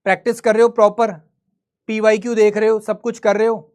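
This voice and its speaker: A man's voice: high-pitched, flat delivery, brisk, darkish tone. A man teaching history in a live online class. He talks conversationally, quizzes his students and answers his own questions.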